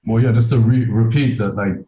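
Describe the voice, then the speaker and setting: A man's voice: on the low side, fairly even intonation, a little fast, warm tone, echoey room, low-quality recording. A man guest speaking on a call, talking loosely with lots of "like" and "you know" fillers. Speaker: cave explorer and guest. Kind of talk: casual interview on a call.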